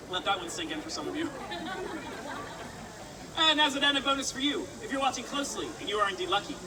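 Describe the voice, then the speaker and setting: A woman performing a live sword swallowing show, projecting cheeky, joking patter and bantering with the audience at an outdoor festival. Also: fairly high pitch. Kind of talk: live comedic stage patter to a crowd. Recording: distant, noisy outdoor festival crowd recording.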